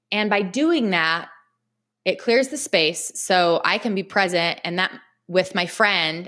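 A woman giving a casual motivational talk to her viewers, chatty and animated, repeating phrases for emphasis. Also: medium pitch. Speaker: vlogger.

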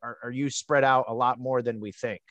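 Male host, young adult, from the East Coast; eager, rambling, mid-pitched; close dry mic. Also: fairly even intonation, normal speed, fairly bright tone, no room sound. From United States (East Coast). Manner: chatty, enthusiastic, rambling with many "like"s. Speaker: podcast host. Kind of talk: casual interview.

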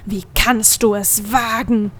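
A woman's voice: mid-range voice, steady tone, takes it slowly, a bit bright, a little hiss or hum. A woman voicing a brutish, bullying male goat demon who talks in a sneering, threatening way. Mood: menacing.

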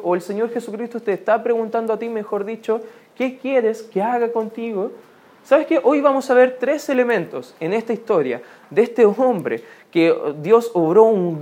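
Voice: medium pitch, darkish tone, breathy edge. Earnest preacher asking listeners questions. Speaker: pastor. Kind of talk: sermon.

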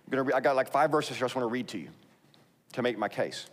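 A man's voice: medium pitch, very fast. A man with a Texas accent preaching a sermon, conversational and emphatic, reading scripture aloud between his own remarks. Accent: Texan. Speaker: pastor. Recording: long reverb in a large hall.

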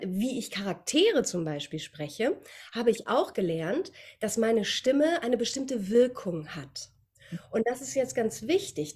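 A woman voice coach talking as a guest in a podcast interview, speaking in a motivational, encouraging way. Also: on the high side. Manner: lively, warm coaching tone, laughs often.

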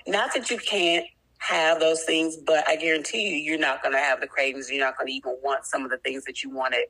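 Low-voiced woman coaching earnestly. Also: steady tone, fairly quick, pushed and bright, poor audio. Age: adult with children. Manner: earnest, encouraging, many "like"s. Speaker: health coach. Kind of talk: casual podcast conversation.

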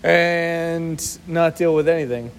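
This man co-hosts a podcast, trading casual, teasing banter with an easygoing manner and frequent chuckles. His voice is on the high side and he takes his time, with a little hiss or hum in the background. He's recorded in a sheltered outdoor spot where a big, echoey reverb surrounds him.

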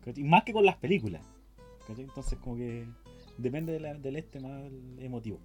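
A man's voice: medium pitch, expressive, a little fast, faint music behind. A young man with a Chilean accent, chatting casually and explaining things at length with plenty of slang. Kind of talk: casual chat.

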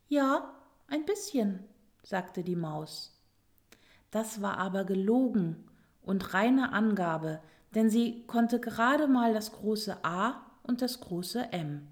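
Slow-reading woman storyteller. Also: mid-range voice. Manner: calm, expressive read-aloud. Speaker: narrator.

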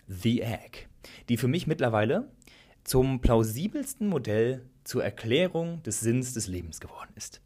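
Man, podcast host, earnest, casual, husky, low voice. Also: a little mellow. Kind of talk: reflective podcast monologue.

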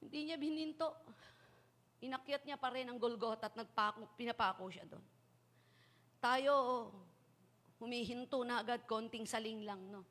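A woman's voice: on the high side, fairly bright tone. Chatty, joking woman preacher. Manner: chatty, joking, mixes English phrases. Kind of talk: sermon.

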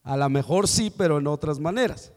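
Animated high-voiced preacher, echoing hall. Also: male voice, a little fast. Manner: animated storytelling, acting out dialogue. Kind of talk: sermon. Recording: long hall reverb.

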